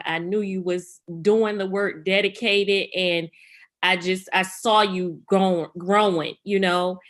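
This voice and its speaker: A woman speaks on a video call in a relaxed, unhurried way, offering encouragement with soft fillers. Her pace is slow and her pitch middling. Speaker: group member. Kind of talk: casual praise on a video call.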